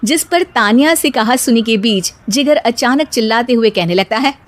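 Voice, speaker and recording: A woman's voice: a little high, animated, normal speed. A woman narrating a scripted cartoon storybook tale as its storyteller.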